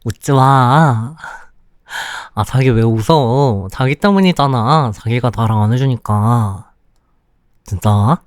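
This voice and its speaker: A young man playing a sulky, clingy boyfriend in a whispered role-play, speaking softly and pouting close to the mic. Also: mid-range voice, no echo, close to an everyday voice. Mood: embarrassed, sulky. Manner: slow, soft, close-up ASMR delivery with pouty complaints.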